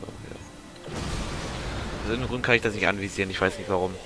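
Low-voiced man commenting on a video game. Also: fairly even intonation, fast, music in the background. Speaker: let's player. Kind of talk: casual gameplay commentary.

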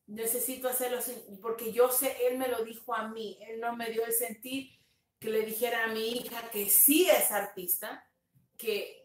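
A woman pastor speaking slowly and tenderly on a livestream, sharing a testimony and greeting viewers, sometimes slipping in English words. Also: on the high side, echoey room, recorded from a distance. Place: home room, dim. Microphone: phone on a live stream.

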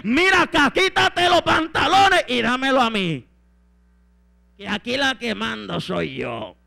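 A man's voice: very high voice, expressive, a little slow, gravelly, bright, forceful tone, pitched above the performer's own voice, heavily acted. Jezebel, a man playing a bossy queen. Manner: commanding, then gloating.

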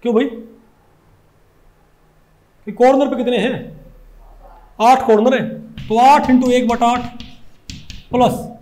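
High-pitched Hindi-speaking chemistry teacher. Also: male voice, steady tone, slow, long pauses, darkish tone. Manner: asks constant rhetorical questions, repeats points. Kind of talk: classroom lecture.

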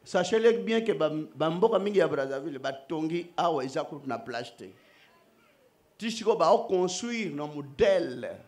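Male preacher, high-pitched, forceful sermon delivery. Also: animated, normal speed. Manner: emphatic, raising his voice to the congregation. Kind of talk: sermon mixing Lingala and French.

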